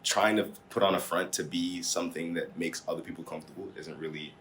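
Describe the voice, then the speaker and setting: Deep-voiced young American man. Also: fast. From Singapore and the US. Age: young adult. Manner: relaxed storytelling, laughs often. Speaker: guest. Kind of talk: casual chat. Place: home dining room.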